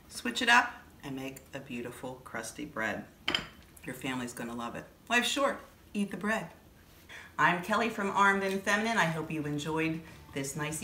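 Low-voiced chatty woman in echoey kitchen. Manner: chatty, enthusiastic about food, tasting on camera. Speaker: channel host. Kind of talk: casual cooking demonstration. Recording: echoey room with faint noise.

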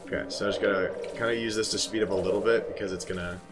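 A man's voice: on the low side, fairly even intonation, rapid-fire, music in the background. A young man co-hosting a let's play, flustered and muttering curses as he struggles with the controls. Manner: flustered, muttering and cursing while playing. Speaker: gaming channel co-host. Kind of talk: casual let's play commentary.

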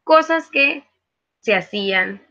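A woman's voice: high voice, lively intonation, takes it slowly, pushed and bright, dull audio. A woman, a virtual tutor giving a live online class, explaining patiently with frequent hesitations. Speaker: virtual tutor teaching English.

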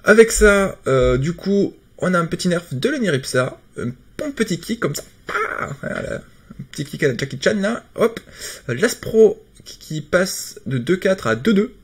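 A man's voice: sits high, very animated, normal speed, husky. A man giving casual commentary on a card game patch. He hesitates often and restarts his sentences. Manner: hesitant, many fillers and restarts.

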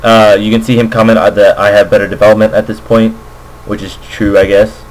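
Speaking briskly in a lowish voice with little pitch movement, this man comments on a game with no script, pausing uncertainly as he reasons things out. He's an amateur Go player recording a screen-capture voice-over indoors at a computer. A makeshift computer mic gives the recording low quality.

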